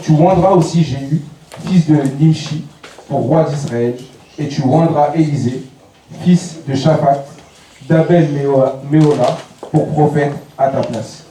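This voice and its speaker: A man with a very dark, mellow voice reads scripture steadily. He is heard from a distance, and his voice rings around a church. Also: fairly high pitch. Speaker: scripture reader. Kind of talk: reading scripture aloud. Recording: very echoey church hall, distant mic.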